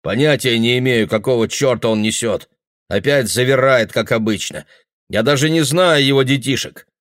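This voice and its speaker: A man reading aloud and voicing a sullen, defiant young man who brushes off blame in a high, shrill voice. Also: normal speed, a bit bright, no echo, studio quality, close to an everyday voice. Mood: dismissive.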